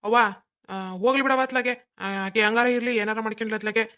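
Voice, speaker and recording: A woman's voice: a little high, fairly even intonation, quick pace, fairly bright tone, lightly acted. A woman voicing a harried village husband. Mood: placating. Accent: North Karnataka Kannada. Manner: exasperated pleading. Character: village husband caught between wife and mother, exasperated.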